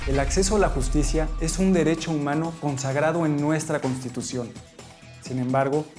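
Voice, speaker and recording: A man's voice: fairly high pitch, a little mellow. A man with a Mexican Spanish accent hosting a televised student debate in an upbeat, scripted presenter style. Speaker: host.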